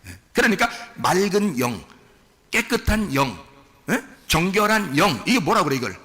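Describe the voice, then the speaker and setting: A pastor preaching a sermon, lively and questioning, often asking the congregation for answers and moving between casual and polite speech. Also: male voice, high-pitched, moderate pace. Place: church sanctuary. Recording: echoey hall reverb.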